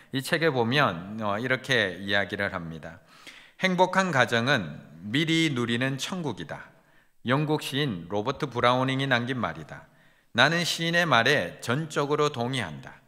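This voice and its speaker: A man's voice: on the low side, sharp tone. A man preaching a Sunday sermon as pastor, earnest, building emphasis as he goes. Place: church sanctuary. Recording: reverberant church sanctuary.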